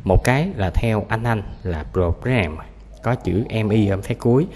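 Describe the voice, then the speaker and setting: Male English teacher, lowish voice, drills vocabulary slowly, echoey room with faint hiss. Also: darkish tone. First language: Vietnamese. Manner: repeats each English word slowly and clearly, explains sounds. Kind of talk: vocabulary lesson, word by word.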